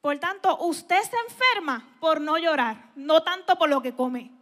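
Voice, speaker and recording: Emphatic bright-voiced woman preaching. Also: high voice, expressive, unhurried. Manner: emphatic preaching, swinging from loud appeals to hushed asides. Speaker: psychologist speaking to a church audience. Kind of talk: motivational church talk.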